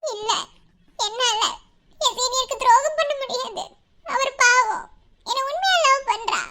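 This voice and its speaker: A woman voicing a timid young college girl in a cartoon, pleading softly through tears. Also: lively intonation, unhurried, full character voice. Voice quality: very high, bright voice. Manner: pleading, soft and tearful. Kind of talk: animated cartoon voice acting.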